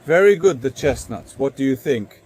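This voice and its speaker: Filming on a handheld phone, a travel vlogger chats casually while walking through city streets and eating, then later driving. He has a medium-pitched, expressive voice with a darkish tone and a moderate pace. There's slight background noise.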